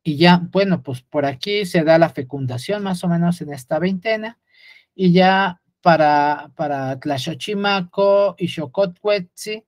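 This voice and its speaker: Halting man lecturing from a chart. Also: fairly high pitch, a little mellow, no echo, clean studio sound. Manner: hesitant, many fillers and restarts, pointing at a chart. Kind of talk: unscripted explanatory lecture.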